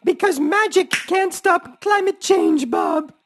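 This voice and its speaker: A woman's voice: extremely high pitch, expressive, takes it slowly, dry recording, full character voice. A woman voicing a bossy, earnest and indignant cartoon lady bird who likes to scold. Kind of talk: cartoon character acting.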